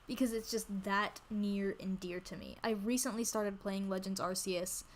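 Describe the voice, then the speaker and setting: A woman chatting casually on a livestream in a cute anime-streamer manner, gushing and excitable, repeating phrases for emphasis. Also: medium pitch, normal speed, slight background noise. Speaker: VTuber streamer introducing themself. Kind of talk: casual livestream chat about games.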